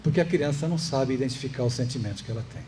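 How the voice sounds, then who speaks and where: A man's voice: medium pitch, rapid-fire, warm tone, a little hiss or hum. A man with a Brazilian Portuguese accent giving a public lecture at a spiritist center. He speaks conversationally, asks the audience rhetorical questions and adds light jokes. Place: meeting hall of a spiritist center.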